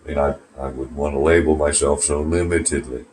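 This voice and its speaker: A man's voice: rumbling low, steady tone, brisk, a little mellow, slight background noise. A man talking to his phone camera from a small bathroom, rambling, swearing, and turning sarcastic. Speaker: vlogger. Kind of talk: rambling casual monologue to camera. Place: small warm bathroom at home.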